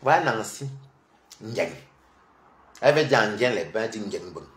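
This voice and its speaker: Male streamer; animated, scornful gossip commentary with lots of repeated words, in a roomy, echoing space. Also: fairly low pitch, normal speed, background noise. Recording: roomy echo.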